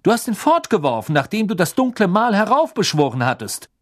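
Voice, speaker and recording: A man's voice: high voice, sing-song, a little fast, a bit bright, pitched above the performer's own voice. Man doing a blustering, suspicious ministry wizard. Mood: accusing. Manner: accusing, blustering, interrogating. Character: stern, suspicious middle-aged male ministry wizard.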